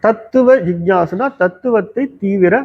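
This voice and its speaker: Tamil-accented male Vedanta teacher, high gravelly voice, dull lo-fi sound. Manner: explains step by step, slowly chants Sanskrit verses. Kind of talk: spiritual discourse. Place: ashram teaching hall.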